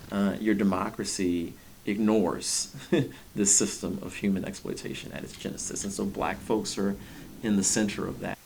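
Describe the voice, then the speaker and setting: A man speaking in a documentary interview, thoughtful and halting, with many fillers. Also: on the low side, fairly even intonation, creaky, a little mellow, a little hiss or hum.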